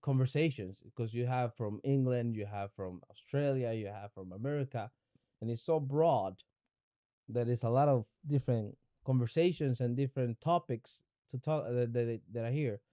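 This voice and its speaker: A young Ecuadorian man, a native Spanish speaker, speaks as a podcast guest in a medium-pitched, dark voice at a moderate pace. He's reflective and searching in this conversational interview, often restarting and repeating words. The recording is dry.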